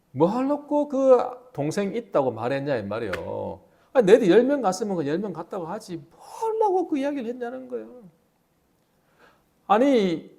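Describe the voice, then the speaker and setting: A man's voice: high-pitched, creaky. A male pastor delivering an expository sermon, storytelling animatedly and asking the congregation rhetorical questions. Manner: animated storytelling, acting out dialogue in quoted voices.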